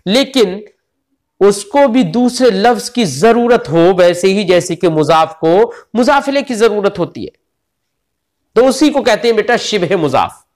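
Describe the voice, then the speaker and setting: Patient high-voiced male grammar teacher. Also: lively intonation, a little slow, darkish tone. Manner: patient, explains with repeated questions to students. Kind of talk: religious grammar lecture.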